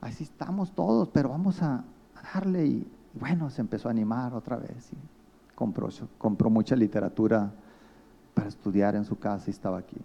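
A man's voice: mid-range voice, fairly quick, creaky, dull audio. A man with a Mexican accent preaching a sermon as pastor, telling stories and acting out the people he quotes. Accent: Mexican Spanish.

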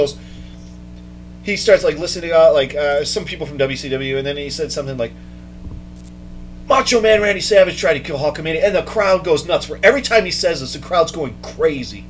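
A man hosting a casual chat, telling a story with mounting excitement. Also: on the high side, slight background noise, low-quality recording. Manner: excited storytelling, quoting others in raised voice. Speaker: podcast host.

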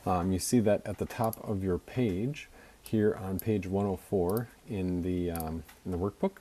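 Deep, husky-voiced male church teacher. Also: measured pace, mellow. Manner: informal, with fillers and asides. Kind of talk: teaching a class and reading scripture aloud.

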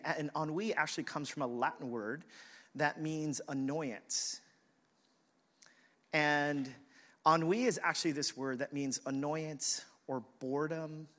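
A man's voice: fairly high pitch, unhurried. Male pastor, sermon, chatty storytelling delivery, slightly raised voice. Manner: conversational, animated storytelling preacher. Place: church in a city, siren heard outside.

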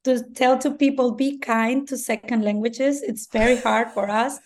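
On a casual podcast, a Mexican woman speaks with a Mexican Spanish accent; Spanish is her first language. Her voice is a little high with fairly even intonation, and she often pauses while hunting for the right word.

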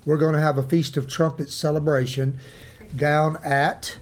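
A man with a hillbilly Appalachian accent and a slightly high-set voice leads an informal Bible study. He talks in a folksy, plain-spoken manner, as a church teacher would with people he knows. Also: level tone, moderate pace. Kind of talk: informal devotional talk.

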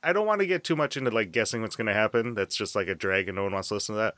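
Low-voiced man, casual podcast chat. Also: animated, very fast, fairly bright tone, dry recording. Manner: laughs often, loose and joking. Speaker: podcast co-host.

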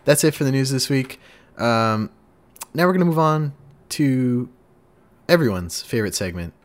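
A man's voice: mid-range voice, measured pace. A man hosting a casual gaming podcast, chatty and upbeat, reading out segments and riffing with his co-host. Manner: upbeat, chatty, sings little jingles.

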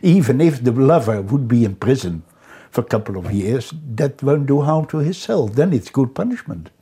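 An older man recounting true stories in a reflective, halting way, often restarting his sentences. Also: mid-range voice, very animated, mellow, slightly rough. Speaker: storyteller.

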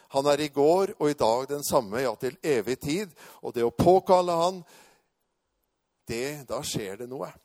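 A male preacher telling a personal testimony in a sermon, storytelling and rising to loud proclamation. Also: medium pitch, no room sound, studio quality.

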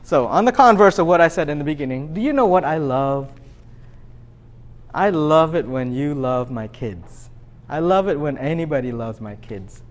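A man in his thirties preaching a sermon, swinging between loud excitement and quiet reflection. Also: fairly high pitch, normal speed. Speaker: pastor.

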